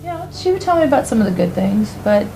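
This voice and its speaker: A woman's voice: on the high side, big pitch swings, fast, creaky, music in the background, poor audio. A woman speaking candidly and reflectively about supporting someone in the military. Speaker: military family member. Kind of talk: interview testimony.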